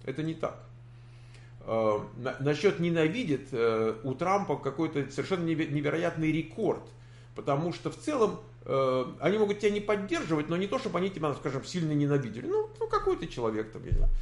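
A man giving casual political commentary on a live stream, halting, with many fillers and restarts. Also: a little high, sing-song, echoey room. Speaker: political commentator reading viewer chat.

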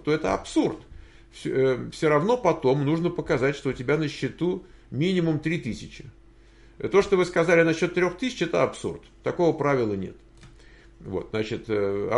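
An older man with a gravelly, creaky voice hosts a relaxed Q&A for his viewers. He drifts through his answers and thinks aloud, pausing often to hunt for words. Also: a little high. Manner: rambling, thinking aloud with many hesitations. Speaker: host answering viewer questions. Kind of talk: casual livestream Q&A.

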